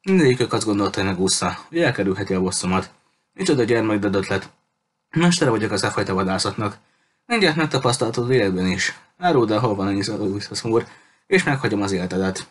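A cruel pirate captain, as a man reads him in an audiobook, coldly polite and full of threats. The voice sits low and steady. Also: a little hiss or hum, natural voice. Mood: menacing. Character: cruel menacing male pirate captain, adult. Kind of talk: audiobook character reading.

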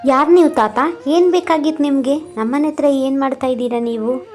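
A woman's voice: high-pitched, moderate pace, darkish tone, faint music behind, lightly acted. A woman voicing a rich, haughty older sister in a cartoon, scolding and contemptuous. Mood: scornful.

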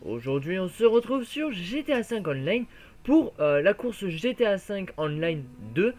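A man giving jokey, excitable play-by-play of a racing game, his voice worn from being ill. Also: sits high, a little slow. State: voice worn from illness. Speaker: gaming YouTuber.

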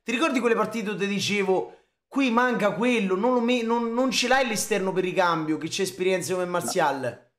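A young man, a fan streamer reacting live to a match, emotional and swearing, repeating his shouts. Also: sits high, moderate pace. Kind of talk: excited live match commentary.

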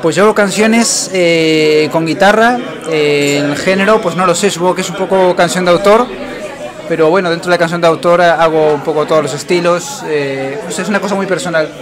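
A man, a singer-songwriter being interviewed, answering in an unhurried, hesitant way. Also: on the high side, crowd noise. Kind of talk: casual interview.

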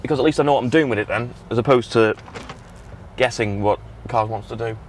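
A young British vlogger on a road trip chats casually inside a car, moving or parked, picked up by a dashboard action camera with car noise behind him. His voice is medium in pitch and his pace brisk.

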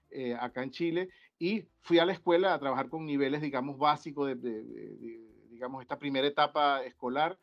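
A man from Venezuela, a guest researcher on an academic video-call panel, talking in a halting way with many restarts and fillers. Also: mid-range voice. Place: indoor room. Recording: dull lo-fi video-call audio.

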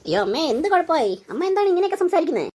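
A kind young daughter-in-law in a cartoon, voiced by a woman, anxious and quick to comfort. She talks in a high, bouncing voice at a racing clip. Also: expressive. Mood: worried. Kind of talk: cartoon voice acting.

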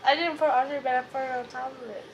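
A woman's voice: sits high, fairly even intonation, quick pace, muffled recording. A young woman in a bedroom chatting playfully on her brother's camera. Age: young adult. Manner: playful, bantering. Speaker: vlogger's sister. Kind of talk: casual chat. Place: bedroom, indoors. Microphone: camera held by another person. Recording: very noisy home camera audio.

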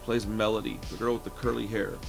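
Laid-back guy almost forty, lowish voice, chatty movie review from his room, music going loud behind him. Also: quick pace, creaky. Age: 30s. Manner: relaxed and chatty, says "man" a lot. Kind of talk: casual video review. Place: home room lined with shelves of records and films.

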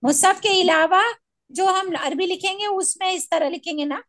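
A woman's voice: very high voice, fairly bright tone, no echo, studio quality. A woman student in an online class who keeps asking questions. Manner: persistent, questioning, quick to say "ji".

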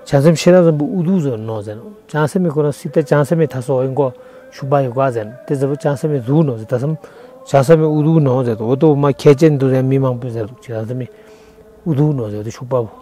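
A man's voice: mid-range voice, a little fast, dark tone, soft background music. A middle-aged monk telling the history of his monastery in an outdoor interview, recorded on a lapel mic. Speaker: senior lama of the monastery.

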